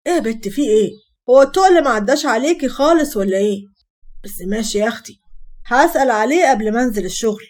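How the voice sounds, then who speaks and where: A fast, bantering older brother in an Egyptian Arabic storybook tale, voiced by a woman narrator. He teases his little sister with affection and guards her like a father, his voice sitting fairly high. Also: animated, darkish tone, lightly acted. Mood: teasing. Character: teasing protective older brother, young man.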